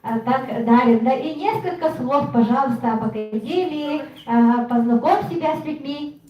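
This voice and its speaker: A woman runs a team presentation in an upbeat, hesitant way, filling pauses with sounds. Her voice is high and bright. She is heard distantly in a very echoey room with faint noise. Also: highs cut off. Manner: upbeat, filler-heavy. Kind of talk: presentation and award ceremony.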